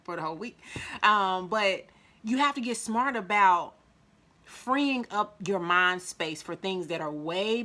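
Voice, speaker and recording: Woman, Mississippi accent, bright tense voice, chatty advice vlog, acts out quoted voices. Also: lowish voice. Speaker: vlogger giving life advice. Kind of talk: casual motivational talk to camera.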